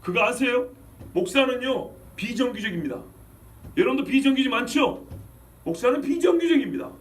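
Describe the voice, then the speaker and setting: A male pastor preaching a sermon, firing rhetorical questions and swinging between loud outbursts and low asides. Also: animated, normal speed, distant mic. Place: church sanctuary.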